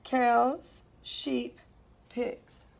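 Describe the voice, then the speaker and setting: A woman's voice: on the high side, little pitch movement, extremely slow, vocal fry, slight background noise. A woman teacher reading a picture book aloud to children, stopping to ask them questions and playfully singing the animal noises.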